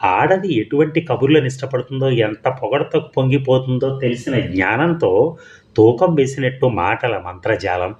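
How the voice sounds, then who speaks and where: A man narrating an audio story in the first person, in a calm, measured reading. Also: mid-range voice, muffled recording.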